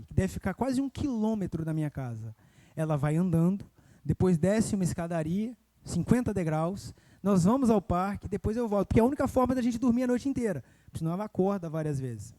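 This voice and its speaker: Male preacher, high voice, dark mellow tone, sermon storytelling, young adult. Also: animated, quick pace. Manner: storytelling, swells to loud emotional cries. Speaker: evangelist preacher. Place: church sanctuary.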